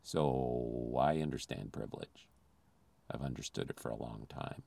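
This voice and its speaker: A man's voice: rumbling low, measured pace, gravelly, mellow, slightly rough, no echo. A man who grew up in the Philippines, giving an earnest, confessional sermon as a pastor.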